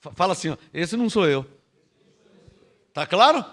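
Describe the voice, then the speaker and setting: A man's voice: high-pitched, moderate pace. A man with a Brazilian Portuguese accent preaching a sermon, teaching with rhetorical questions and having the congregation repeat his phrases. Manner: lively, frequent rhetorical questions and laughs.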